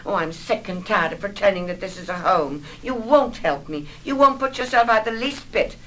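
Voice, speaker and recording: A woman's voice: mid-range voice, normal speed, fairly bright tone, natural voice, rough recording. A woman playing an anxious, rambling mother. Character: nervous, fragile middle-aged mother. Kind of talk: 1960s film acting.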